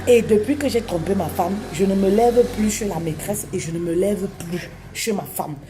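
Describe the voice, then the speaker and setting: A woman voicing an ashamed middle-aged husband who confesses his troubles hesitantly, in a lowered voice. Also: normal speed, noisy background, lightly acted.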